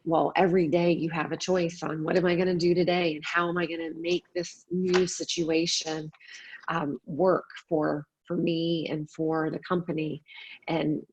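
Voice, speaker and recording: A woman panelist speaking in an earnest, steady way, with a gravelly, husky voice. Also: sits low, normal speed, dull audio, slight background noise. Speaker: panelist, business leader. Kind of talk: panel discussion.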